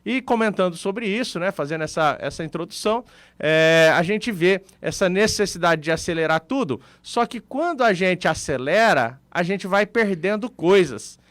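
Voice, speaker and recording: A man's voice: sits high, expressive, normal speed, a bit bright, no room sound. A man with a Brazilian Portuguese accent, co-hosting a radio talk show and explaining his points with everyday examples.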